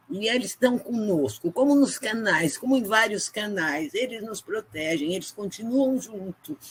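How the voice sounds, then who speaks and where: A woman's voice: medium pitch, slight background noise. A woman giving an earnest, emotional testimony at a book launch, often adding tag questions, speaking over a video call.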